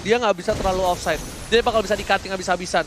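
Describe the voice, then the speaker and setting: A man's voice: high voice, steady tone, rapid-fire, background noise. A man with an Indonesian accent giving live play-by-play commentary on a mobile esports match. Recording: music under the voice.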